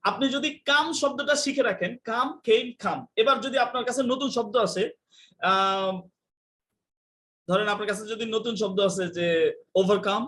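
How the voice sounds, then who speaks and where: A man's voice: high voice, steady tone, moderate pace, pushed and bright. A young man teaching English in a live online class, joking and scolding and mixing in English phrases.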